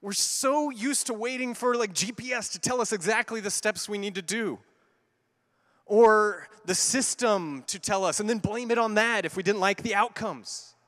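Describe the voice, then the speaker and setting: A high-voiced man talks from a conference stage, animated and conversational. He throws in playful asides to the room. The large hall adds a long reverb to his voice. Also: normal speed. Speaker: keynote speaker. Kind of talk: conference keynote talk.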